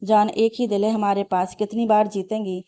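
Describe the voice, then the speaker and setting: A woman's voice: mid-range voice, level tone, normal speed, close to an everyday voice. Woman reading as a tender young husband. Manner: soft, tender and polite, using respectful plural address. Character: affectionate young husband, gently teasing and courteous.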